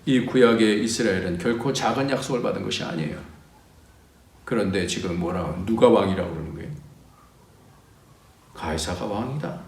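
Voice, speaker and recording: A male pastor preaching a sermon. He preaches with a lot of animation, his pitch and volume swinging widely, and he reads scripture aloud at length. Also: brisk, long pauses, roomy sound.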